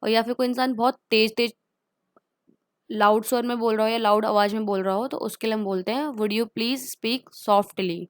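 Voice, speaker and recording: A woman with an Indian accent teaching everyday English phrases. She says each phrase twice, very slowly, then explains it quickly. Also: fairly high pitch, level tone, clean tone, no echo, studio quality. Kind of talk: spoken English lesson.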